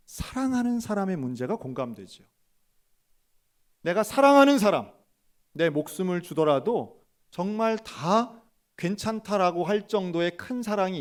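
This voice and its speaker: A man preaching a Sunday sermon with a high, lively voice that swings widely in pitch. He often acts out the people in his story in short bursts of quoted dialogue. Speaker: pastor.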